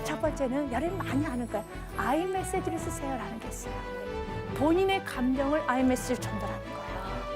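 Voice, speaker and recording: Female preacher, high and very lively, animated storyteller who questions the congregation. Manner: animated storytelling, acts out dialogue. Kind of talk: sermon.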